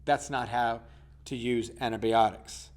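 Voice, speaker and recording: A man's voice: mid-range voice, steady tone, a little slow. A man, teaching a casual health lesson as a coach and putting questions to his listeners. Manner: chatty, asks the listener questions.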